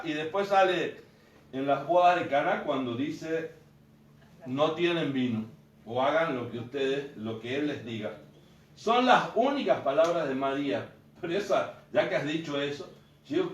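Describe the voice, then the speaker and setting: A priest, giving an informal teaching talk to a group and telling stories with quoted dialogue. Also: male voice, on the high side. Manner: storytelling, acting out quoted dialogue. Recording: echoey room, mic far off.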